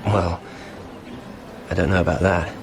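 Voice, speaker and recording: Voicing a clumsy, meek nobleman in a fantasy video game, a man speaks low and unhurried with fairly even intonation, sounding bashful and hesitant. His soft-hearted, apologetic delivery sits over music, and the background is noisy.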